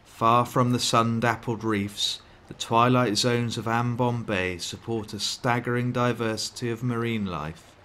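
A man's voice: mid-range voice, fairly even intonation, unhurried, hardly any pauses, fairly bright tone, a little hiss or hum. A man reading scripted narration in the style of a nature documentary.

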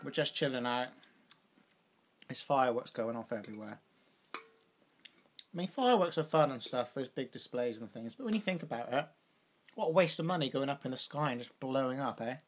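A man's voice: mid-range voice, animated, fairly quick, long pauses. Rambling British man, casual vlog chat. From Britain. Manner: rambling, full of "like" and "you know". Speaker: vlogger. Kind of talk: casual chat while eating.

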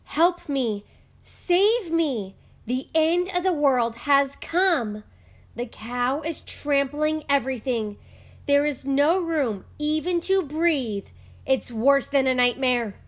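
A woman's voice: a little high, expressive, slow. A woman voicing a poor, fearful man in a storybook read-aloud, pleading and shrieking in panic. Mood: frantic. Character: poor fearful middle-aged man, desperate.

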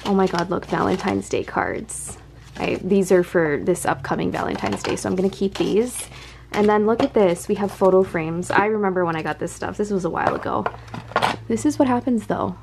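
A woman's voice: medium pitch, expressive, normal speed, gravelly. A woman in her thirties chatting casually to camera as she tidies her beauty room at home, thinking aloud and gushing over things she finds. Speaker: beauty vlogger. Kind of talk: casual chat while tidying. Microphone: camera mic, moving around room. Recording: noisy home room recording.

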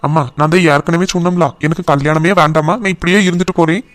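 A man voices a young cartoon son who talks fast to push back against marriage plans, then soothes his mother. The voice is high for a man and rushed. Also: steady tone, a bit bright, natural voice. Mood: frustrated. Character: young man home from abroad, reluctant but caring son.

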